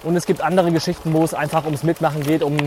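Calm guy explaining stuff while riding, higher voice, some road noise. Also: quick pace. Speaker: gravel and road cycling expert. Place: outdoors on a group bike ride.

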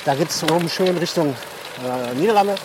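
Brief: higher-voiced male rider, joking banter, rainy outdoor noise. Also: animated, moderate pace. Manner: joking, laid-back banter. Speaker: experienced gravel rider. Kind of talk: casual chat while cycling. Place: outdoors on a group bike ride in rain. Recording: loud outdoor wind, rain and traffic noise.

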